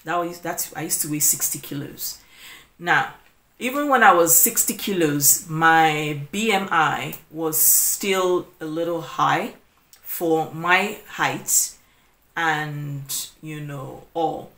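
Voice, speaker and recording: A woman's voice: deep voice, slow pace, bright, forceful tone. Rambling woman vlogger in her forties. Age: 40s. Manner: rambling, many restarts and "you know" fillers. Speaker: lifestyle vlogger. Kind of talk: casual talk to camera. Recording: echoey room.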